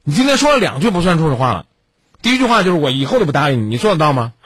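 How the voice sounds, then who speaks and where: A stern male radio advice host with a very husky, rough voice that swings widely up and down in pitch. He lectures a caller with pointed questions. The sound is dry and close, with no room echo. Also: very animated, rapid-fire, fairly bright tone. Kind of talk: call-in advice talk.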